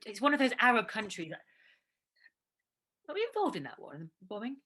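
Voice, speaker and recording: In a naturalistic two-hander stage drama, an actress plays an anxious London woman cooking dinner for her partner, speaking fretfully and hesitantly and restarting when nervous. Her voice is a little high, pushed, bright and slightly rough, with huge pitch swings at a moderate pace, and the delivery is heavily acted.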